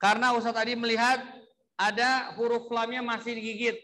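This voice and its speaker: A man's voice: very high voice, flat delivery, fairly quick, pushed and bright, long reverb tail. A man teaching Quran recitation, demonstrating vowel sounds and having the class repeat them.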